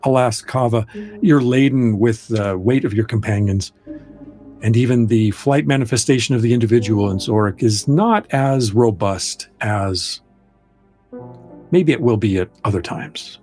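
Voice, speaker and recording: Man, game master, medium pitch, dramatic storytelling, measured literary phrasing, soft background music. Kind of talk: dramatic tabletop game narration.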